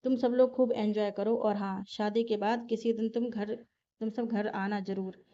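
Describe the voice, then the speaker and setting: A woman's voice: mid-range voice, fairly even intonation, normal speed, mellow, natural voice. Kindly middle-aged mother, read by a woman, friendly, lo-fi sound. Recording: dull lo-fi recording.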